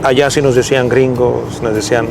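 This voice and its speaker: A man from Los Angeles, answering questions in a relaxed, hesitant way outdoors on a city street. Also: mid-range voice, a little fast, vocal fry, noisy background. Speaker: interviewee, photographer. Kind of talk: casual interview.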